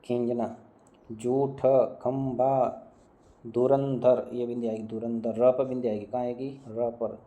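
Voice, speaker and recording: A man teaching Hindi grammar in an online exam-prep lesson, running through words and repeating them, quizzing students with quick questions and answers. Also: mid-range voice, little pitch movement, warm tone.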